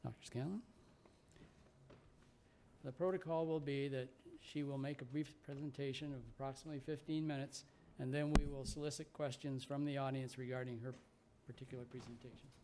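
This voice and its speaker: A man's voice: mid-range voice, steady tone. Man introducing a speaker, faint noise. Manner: formal, measured. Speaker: session chair.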